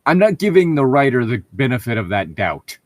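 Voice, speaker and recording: In a mid-range, darkish voice with a sing-song lilt, a man speaks briskly, with no echo. He reads fan fiction aloud for his podcast and riffs casually on it between lines, exasperated, sarcastic and often profane.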